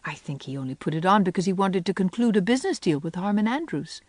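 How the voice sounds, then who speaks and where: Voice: animated, quick pace, a little mellow, no room sound, lightly acted. A reader doing a dreamy, gushing young woman. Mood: dreamy, eager. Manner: wistful and gushing, rising in pitch. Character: dreamy, imaginative young woman, eager and talkative. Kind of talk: audiobook character voice.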